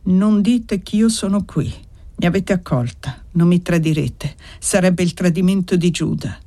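A reader voicing a defiant, feverish young peasant woman who cries out in high, strained bursts. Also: a little slow, mellow, close to an everyday voice. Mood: stubborn.

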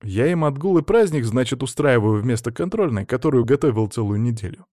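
A man voicing a gruff adult male teacher who addresses his rowdy class in a curt, commanding way. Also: medium pitch, lively intonation, brisk, dark tone, no room sound, studio quality, lightly acted.

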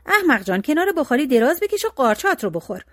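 A woman voicing two angry, scornful older brothers in a storybook reading, scolding and shouting. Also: sits high, big pitch swings, no room sound, clean studio sound.

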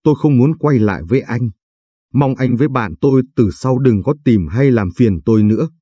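A man's voice: mid-range voice, moderate pace, husky, dry recording, close to an everyday voice. A man reading the lines of a young woman pushing away her abusive ex-partner. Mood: defiant. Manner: sharp and pleading by turns.

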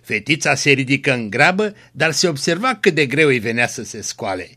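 A man reading a story aloud in a steady, measured way. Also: medium pitch. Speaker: reader.

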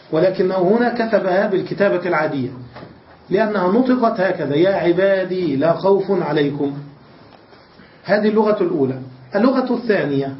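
A man with a high-pitched voice teaches a grammar class, going through examples one by one and repeating them. He sounds far from the mic, in an echoey room, on a dull, lo-fi recording. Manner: methodical, repeats examples and checks understanding. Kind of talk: classroom lesson.

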